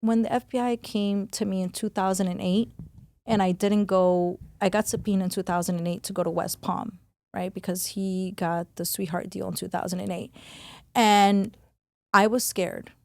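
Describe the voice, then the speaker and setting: Woman, podcast guest, rapid filler-heavy talk, mid pitch, dead dry sound. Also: fairly even intonation, dry recording. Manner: rapid, full of "like" and "you know", re-enacts quotes. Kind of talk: candid conversational interview.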